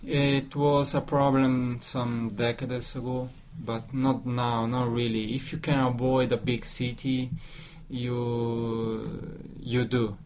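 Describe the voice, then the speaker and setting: A man from Italy with an Italian accent, leading a casual discussion in English, his second language. He talks haltingly, with many restarts and fillers. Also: medium pitch, flat delivery, darkish tone.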